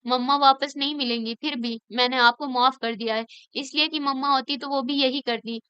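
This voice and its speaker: A grieving young woman who speaks earnestly with raw feeling, as a woman narrator reads her. The voice is high and clean. It is recorded dry, with a slightly dull sound. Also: steady tone, normal speed, bright, forceful tone, clean tone, dry recording. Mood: anguished. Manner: earnest, emotional. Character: grieving young woman, hurt but forgiving. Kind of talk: audiobook reading.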